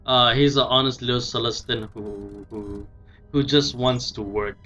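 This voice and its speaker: A man giving casual game commentary, thinking aloud in a hesitant, halting way. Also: medium pitch, steady tone, bright, forceful tone, muffled recording, soft background music. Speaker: let's play commentator.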